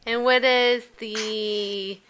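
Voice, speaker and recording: A woman's voice: fairly high pitch, steady tone, very slow, a bit bright. A woman asking a small child to make animal sounds in a sing-song, coaxing way. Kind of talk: sing-song questions to a toddler.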